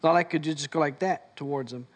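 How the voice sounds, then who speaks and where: A man's voice: fairly high pitch, fast talker. A man leading a motivational seminar, telling stories and acting out both sides of the conversations. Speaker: seminar leader. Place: seminar room before an audience.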